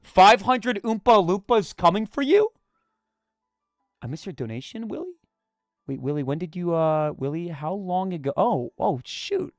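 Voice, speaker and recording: Young guy streamer talking to chat, kinda high voice, goes loud then drops to a low fake-scary mutter, dry mic. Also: very animated, measured pace, no room sound, faint music behind. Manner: swings between loud hype and low mock-menacing mutter. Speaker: live streamer. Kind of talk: casual live-stream chat with viewers.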